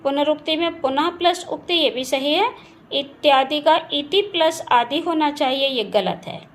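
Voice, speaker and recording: Faint household sounds and the odd train form the background as a woman with a high-pitched voice, speaking at a moderate pace, teaches Hindi grammar for an exam from her home beside a railway track. She checks the answers aloud and patiently spells each word out sound by sound.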